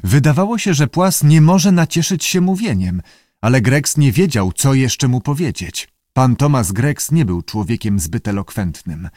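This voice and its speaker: Measured male audiobook narrator. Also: mid-range voice, no room sound, clean studio sound. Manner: steady, measured. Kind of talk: audiobook reading.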